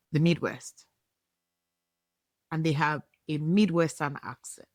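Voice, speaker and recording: A woman hosting a podcast, delivering scripted explanatory narration in deliberate, emphatic short phrases. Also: sits low, dry recording. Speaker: podcast host.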